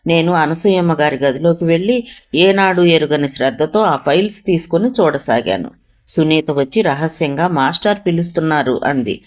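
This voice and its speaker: A woman's voice: deep voice, lively intonation, normal speed, a little mellow. Woman reading a story aloud. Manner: reads a first-person story, briefly acting out the quoted voices. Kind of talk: scripted story narration.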